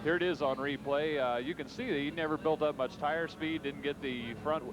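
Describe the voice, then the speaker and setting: A man commentating on a tractor pull, introducing and analysing runs in a measured, explanatory way. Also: on the high side, steady tone, a crowd in the background. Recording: noisy outdoor track, engines behind. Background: outdoor ambience and vehicle noise.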